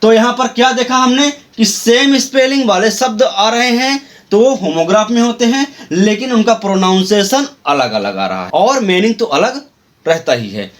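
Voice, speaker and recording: A man with a high voice teaches an English grammar lesson at an unhurried pace. He spells words out letter by letter and restates every point in other words. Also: lively intonation. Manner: repeats and rephrases each point. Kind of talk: explanatory video lesson.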